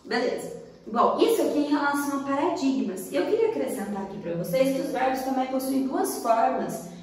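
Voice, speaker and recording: A woman's voice: sits high, lively intonation, brisk, a little mellow, slight background noise. A woman with a Brazilian Portuguese accent teaching a grammar lesson, who keeps checking in with the class as she explains. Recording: very echoey room, far from the mic.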